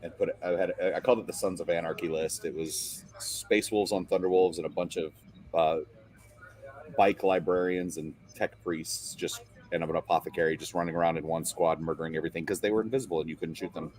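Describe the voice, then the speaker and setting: A man's voice: deep voice, steady tone, a little fast, a little mellow. A man co-hosting a casual chat about tabletop wargaming, telling stories and joking around. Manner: joking, storytelling, playful. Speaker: co-host.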